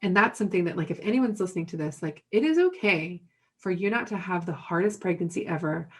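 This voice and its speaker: A woman in her thirties telling her own parenting story candidly, animated and often laughing. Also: fairly low pitch, quick pace, breathy edge. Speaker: podcast guest.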